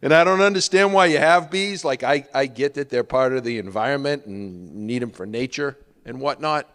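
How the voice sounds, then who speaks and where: A man with a medium-pitched, somewhat bright voice performs stand-up on a stage in a large hall, at a moderate pace. He tells wry stories and puts questions to the audience, all carried by the long reverb of a theater hall.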